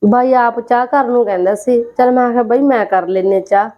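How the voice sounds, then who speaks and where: A woman's voice: fairly high pitch, fairly even intonation, a little fast, muffled recording, lightly acted. A woman playing a meek, plaintive sister. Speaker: married sister visiting her brother.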